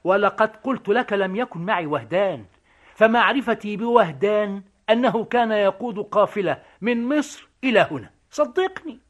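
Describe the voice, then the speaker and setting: A man's voice: high-pitched, expressive, normal speed. A man acting a cheeky, witty Egyptian vagabond in a stage comedy, joking and mocking. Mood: sly. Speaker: stage actor.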